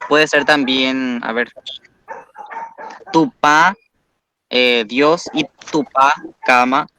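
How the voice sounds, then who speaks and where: A man's voice: mid-range voice, fairly even intonation, very slow, sharp tone, no room sound. A man teaching a language class, explaining patiently step by step and praising students.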